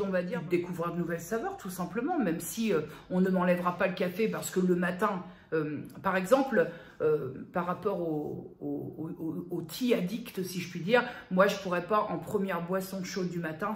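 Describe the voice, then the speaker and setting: Chatty woman in an echoey room. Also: mid-range voice. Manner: chatty, reads labels aloud with fillers. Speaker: vlogger. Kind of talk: casual vlog unboxing.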